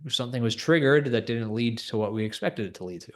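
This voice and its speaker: A man's voice: medium pitch, lively intonation, fast. A man co-hosting a finance podcast, explaining markets in a thoughtful, hedging way. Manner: thoughtful, hedging, laughs between points. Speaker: co-host. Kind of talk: casual finance podcast chat.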